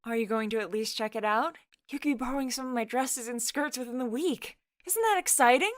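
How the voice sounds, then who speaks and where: Close to her everyday voice, a woman portrays a visual novel's playful, excitable young woman who is the teasing, loyal best friend. She speaks fairly quickly, her pitch jumping high and expressive, with a teasing, coaxing mood and a very dry recording with no echo.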